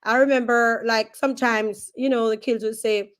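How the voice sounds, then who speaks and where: A woman with a Jamaican accent, a third grade teacher chatting as a guest in a relaxed way, often tagging her sentences with "right?". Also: fairly high pitch, moderate pace. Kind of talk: casual interview.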